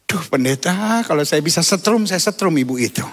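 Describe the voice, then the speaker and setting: A man preaching a sermon, speaking fervently to the congregation with repeated calls and rising to shouts. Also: fairly high pitch, animated, a little fast. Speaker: pastor.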